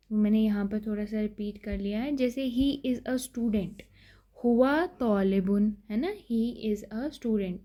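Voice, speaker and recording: A fairly high-pitched woman teaches a grammar lesson. Her tone is dark and mellow. She explains patiently, repeats key words and keeps checking that her listeners follow. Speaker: Arabic teacher.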